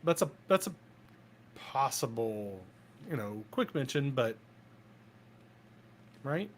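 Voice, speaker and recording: Guy cohosting, casual, walks through stuff step by step, keeps tagging on quick questions, mid voice, faint noise. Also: medium pitch, lively intonation. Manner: explains step by step, keeps asking "right?". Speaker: podcast co-host. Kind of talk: casual live chat.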